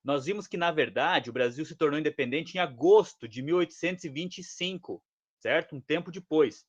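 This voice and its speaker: A male history teacher explains things casually to his class. He keeps checking in with short tag questions. His voice sits a bit high, and the recording sounds dull and lo-fi. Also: brisk, slightly rough.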